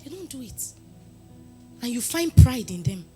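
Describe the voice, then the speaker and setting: A woman with a Nigerian accent giving a lively motivational talk, switching between Pidgin and English and rising to loud, emphatic peaks. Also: fairly high pitch, unhurried, faint music behind. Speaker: motivational speaker.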